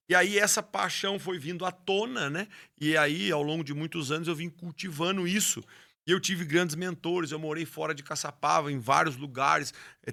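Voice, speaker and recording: A man's voice: fairly high pitch, vocal fry, bright, forceful tone. A man, a rodeo announcer and horse trainer telling his story with passion in an interview, often restarting his words. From Brazil. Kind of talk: interview conversation.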